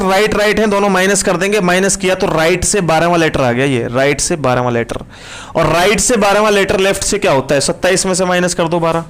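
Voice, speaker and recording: A man's voice: high-pitched, a bit bright. A male teacher running a live online reasoning class, repeating questions and answers to his students as he works through problems. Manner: brisk, repetitive questioning of students.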